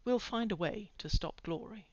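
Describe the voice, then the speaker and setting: A woman reading the lines of a worried middle-aged male mentor, quietly reassuring. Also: medium pitch, moderate pace, no echo, natural voice. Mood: soft reassuring. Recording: dry, slightly dull recording.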